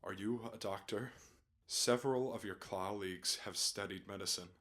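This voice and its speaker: A man playing a brooding, commanding submarine captain in a radio play, grave and terse, with formal, measured speech. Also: lowish voice, a bit bright, close to an everyday voice. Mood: grave, restrained. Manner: slow, measured, formal address.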